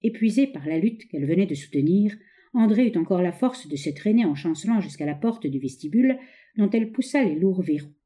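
A woman narrating a novel as an audiobook, with expressive, dramatic storytelling. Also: lowish voice, brisk.

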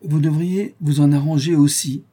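An insolent young viscount, put on by a man reading aloud, speaking a little higher than the narrator. His tone is dry and mocking throughout. The voice stays dark and husky. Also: steady tone, normal speed. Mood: sardonic.

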